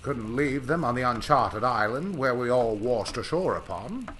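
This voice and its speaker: In a rough recording with slight background noise, a man with a medium-pitched, fairly bright voice, close to an everyday voice, performs 1940s radio drama. His lively intonation and moderate pace carry a grave mood as he plays a proud, curt, formal aviator home from three lost years, with old-fashioned diction.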